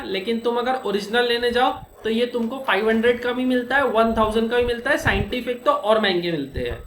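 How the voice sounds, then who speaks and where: A man teaching an accounting lesson, walking through each step with questions to his students and slowing down to dictate formulas. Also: very high-pitched, fairly bright tone. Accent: Indian. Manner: explains step by step with rhetorical questions. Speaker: commerce teacher. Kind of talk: classroom lecture. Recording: echoey room, faint noise.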